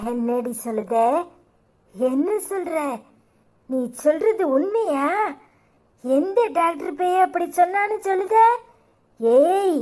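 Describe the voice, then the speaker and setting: A sharp, very high-voiced mother-in-law with a Tirunelveli Tamil accent, as a woman puts her on, scolding and accusing without letup. She speaks in a cartoon with a bright, tense edge. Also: animated, slow pace, pauses often, heavily acted. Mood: furious. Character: angry middle-aged mother-in-law.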